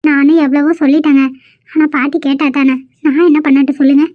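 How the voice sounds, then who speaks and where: A woman voicing an affectionate young wife in a cartoon, speaking softly. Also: high voice, level tone, quick pace, no echo, lightly acted. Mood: apologetic. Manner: soft, affectionate. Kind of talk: cartoon voice acting. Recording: muffled lo-fi recording.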